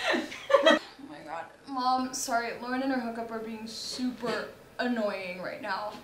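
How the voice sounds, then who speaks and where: A woman's voice: a little high, slow pace, pauses often, a bit bright, a little hiss or hum. A young woman acting an anxious, exasperated, sarcastic roommate in a comedy sketch. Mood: chatty. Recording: roomy sound with music.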